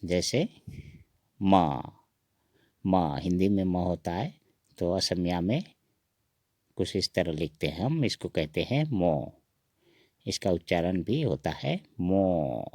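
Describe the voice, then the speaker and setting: Slow, gravelly-voiced man teaching letters. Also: sits low, lively intonation, a little mellow, no room sound, clean studio sound. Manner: slow, repeats each sound several times. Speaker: language teacher. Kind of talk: recorded alphabet lesson.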